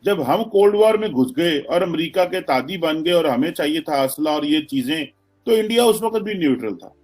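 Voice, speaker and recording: A man on a political talk show putting pointed, teasing questions to the host in an animated way. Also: fairly high pitch, moderate pace. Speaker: panelist.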